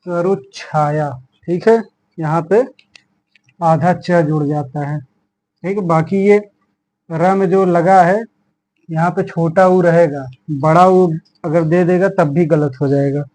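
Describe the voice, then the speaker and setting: A man with a Hindi accent from Uttar Pradesh teaches an exam-prep grammar lesson. His voice sits fairly high and he speaks very slowly, going through each word with a steady, patient rhythm. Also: poor audio. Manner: slow, explaining words one by one with repeated "theek hai".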